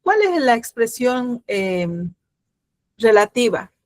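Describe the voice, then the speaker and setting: Slow, patient woman teacher, dry sound. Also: a little high, very animated, a little mellow, dry recording. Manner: patient, explanatory, checks understanding with "¿listo?" and many fillers. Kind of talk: online grammar lesson.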